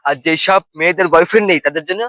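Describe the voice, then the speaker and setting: Bumbling young Bengali comic vlogger. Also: male voice, sits high, racing, pushed and bright, dry recording. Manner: bumbling, stumbles over words, mock-wailing and sing-song bits. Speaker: comedy vlogger. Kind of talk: rambling comic monologue.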